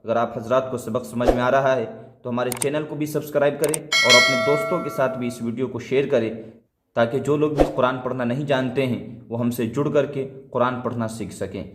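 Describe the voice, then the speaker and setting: A man teaching Quran reading step by step, drawing out syllables slowly in drills between quicker explanations. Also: mid-range voice, steady tone, echoey room, heavy background noise. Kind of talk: step-by-step recitation lesson.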